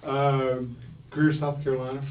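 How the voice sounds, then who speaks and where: A man rambling with halting restarts in a police interrogation. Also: mid-range voice, completely flat delivery. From Florida. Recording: echoey, distant, phone-like interrogation room audio.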